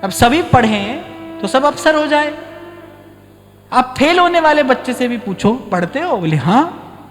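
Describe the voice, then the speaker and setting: Male spiritual teacher, high voice, storytelling sermon in a reverberant hall with soft music. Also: animated, measured pace. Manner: storytelling, acts out short dialogues. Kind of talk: devotional discourse. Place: ashram hall.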